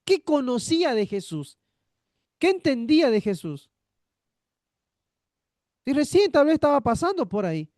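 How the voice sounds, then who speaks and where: A man's voice: very high voice, big pitch swings, unhurried, pauses often, darkish tone, dry recording, clean studio sound. A man teaching a theology class, repeating his points and asking rhetorical questions to check the students follow. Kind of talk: classroom lecture.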